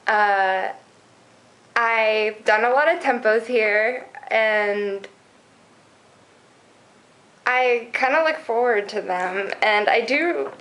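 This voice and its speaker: A woman's voice: on the high side, drawn-out words, long pauses, fairly bright tone, poor audio. A 22-year-old woman, a college runner, giving casual, hesitant interview answers with many fillers. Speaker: college cross-country runner.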